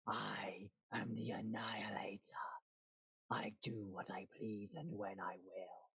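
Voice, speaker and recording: A man voicing a huge, arrogant red dragon with booming, breathy, imperious speech in a tabletop game. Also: little pitch movement, takes it slowly, fairly bright tone, heavily acted. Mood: arrogant threat.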